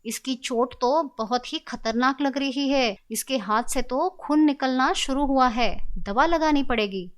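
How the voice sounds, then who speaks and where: A woman's voice: high voice, a little slow, few pauses. A woman voicing a loyal young man who is a brave, worried friend, speaking urgently and earnestly.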